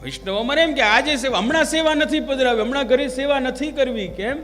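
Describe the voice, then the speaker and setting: A man's voice: very high voice, a little fast, fairly bright tone. A man giving a devotional sermon, telling stories and asking rhetorical questions of his listeners. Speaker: religious preacher. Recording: long hall reverb with faint music.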